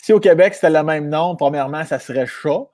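A man's voice: on the high side, fast, a loud crowd. A man with a Québécois French accent hosting a casual interview, asking hesitant questions full of fillers. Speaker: interviewer, host.

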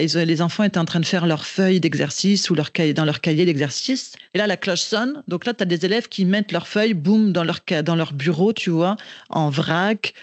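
A woman's voice: on the low side, dry recording. A woman with a Québécois French accent talks shop as a teacher in a loose, conversational way. She circles back and restarts her sentences as she thinks, and her voice sits dry and close to the mic with no room sound. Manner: thinking aloud with frequent restarts and fillers. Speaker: teacher and guest. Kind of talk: casual podcast conversation.

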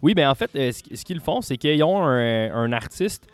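Male podcast contributor, Quebec French accent, mid-pitched, informal, repeats himself, dry sound over music. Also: lively intonation, moderate pace, no room sound. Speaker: podcast contributor presenting picks. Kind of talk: casual podcast chat.

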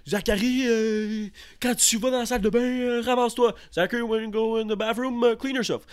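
A man's voice: very high voice, fairly even intonation, brisk, clean tone, no room sound, clean studio sound, pitched above the performer's own voice. A man putting on his anglophone father, a stern middle-aged dad giving orders in mixed French and English.

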